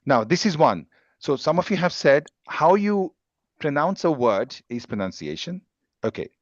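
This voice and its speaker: A man's voice: fairly high pitch, sing-song, normal speed, no echo, highs cut off. A man teaching an English pronunciation class on a video call, explaining patiently with examples.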